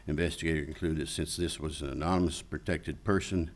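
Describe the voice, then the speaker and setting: A man's voice: a bass voice, steady tone, fairly quick. A man reading a report aloud as a citizen commenter at a council meeting.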